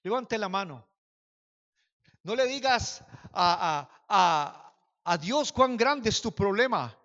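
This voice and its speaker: Fiery high-pitched preacher in an echoey hall. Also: male voice, expressive, slow pace, muffled recording. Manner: impassioned preaching, swings from quiet to shouting; calls the congregation to repeat and raise hands. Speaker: pastor. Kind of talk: sermon. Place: church hall.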